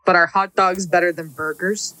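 A woman's voice: on the low side, normal speed, dry recording. A woman co-hosting a casual podcast, telling stories with lots of fillers and strong opinions. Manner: animated storyteller, lots of fillers. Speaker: podcast co-host. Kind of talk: casual chat.

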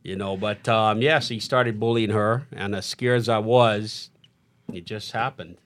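Man, from Guyana, lowish voice, laid-back storyteller, repeats for emphasis. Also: fairly even intonation, unhurried, fairly bright tone, a little hiss or hum. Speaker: boxing coach. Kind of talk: casual interview storytelling. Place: podcast studio.

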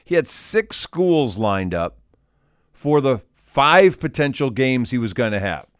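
A man hosts sports talk radio in a smooth, clear voice. The sound is dry and close, his pitch in the middle range as he chats. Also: sing-song, measured pace, fairly bright tone, no room sound. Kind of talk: live sports radio chat.

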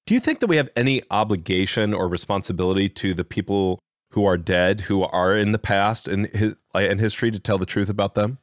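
Midwest guy hosting a podcast, kinda low voice, rambly, lots of ums. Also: fairly quick, no echo, studio quality. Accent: Midwestern American. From American Midwest. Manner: rambling with frequent fillers and restarts. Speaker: podcast host. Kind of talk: casual interview.

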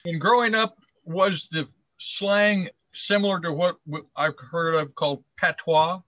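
Male host with a high, bright voice, friendly and quick to laugh, dry lo-fi call sound. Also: steady tone, no echo. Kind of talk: interview host chat. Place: video call.

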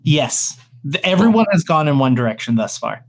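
A man's voice: on the high side, sing-song, normal speed. A man narrating a tabletop game as game master, improvising hesitantly and thinking aloud.

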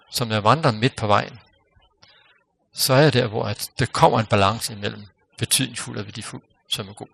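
A man delivers a sermon in a gravelly, mid-range voice. He speaks earnestly and leaves long pauses. His voice falls almost to a whisper when he stresses a point. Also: medium pitch. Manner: earnest, pausing, drops to quiet near-whisper for emphasis. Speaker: preacher. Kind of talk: sermon with closing prayer.

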